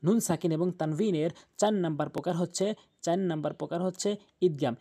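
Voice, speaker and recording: A man teaching Quran recitation in a slightly high, mellow, dark voice. He goes over each rule again and again and spells the letters out one by one. Now and then he stretches a recited word out long. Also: fast talker, slightly rough. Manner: drawls the recited Arabic words. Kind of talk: tajweed lesson over a screen drawing.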